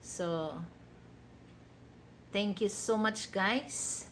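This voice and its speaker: This livestream host is a Filipino woman whose native tongue is a Philippine language other than Tagalog. In a medium-pitched voice she draws out her words, chatting casually and rambling with frequent "you know" fillers. A faint hiss or hum is audible.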